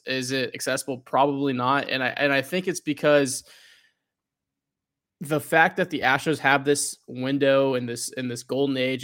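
A man speaking as a guest on a casual podcast, earnest and halting, with many restarts and repeated words. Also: medium pitch, fairly bright tone. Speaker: podcast guest, fan media creator.

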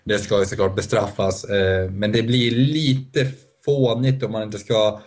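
A man's voice: fairly low pitch, fairly even intonation. A man talking on a podcast panel, hesitant and restarting often, laughing between points. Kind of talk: casual podcast discussion.

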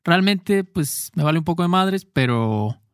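A man's voice: on the high side, lively intonation, unhurried, clear, resonant tone, no echo. Man, casual podcast host, laughs a lot, switches into English, dry close sound. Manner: laughs often, mixes in English phrases. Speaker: podcast co-host teaching Mexican slang. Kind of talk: casual bilingual podcast chat.

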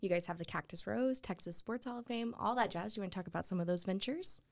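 An upbeat woman hosts a relaxed interview, her voice sitting in an ordinary middle register. She chimes in often with quick asides and easy laughs, keeping the chat moving. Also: mid-range voice. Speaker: podcast host.

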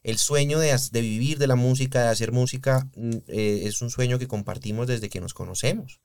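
Smooth-voiced Colombian man, dry sound. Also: medium pitch, a little fast, darkish tone, no echo. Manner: earnest, searching for words with many restarts. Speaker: singer in a duo with his wife. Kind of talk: casual podcast chat.

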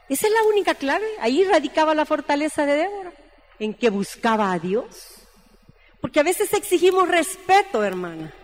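A woman's voice: sits high, a bit bright. A woman preaching a sermon in a church, emphatic and repeatedly calling her listeners sisters. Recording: long reverb in a church hall.

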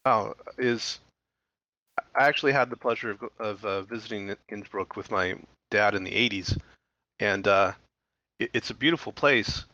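A podcast host with a voice on the low side speaks at a moderate pace in a bright, forceful tone. He reads a sponsor intro before chatting casually, with fillers, as he hosts an interview by teleconference. The recording is dry and dull.

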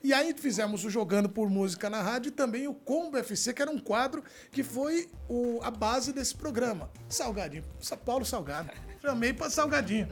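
A Brazilian man in his forties hosting a talk show with loud, showy announcing and effusive, exclamatory chat. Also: very high-pitched, animated, moderate pace, hardly any pauses, faint music behind. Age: 40s.

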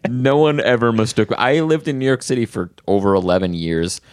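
A man's voice: medium pitch, expressive, brisk. A man co-hosting a comedy podcast, talking in a candid, rambling way. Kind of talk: casual chat.

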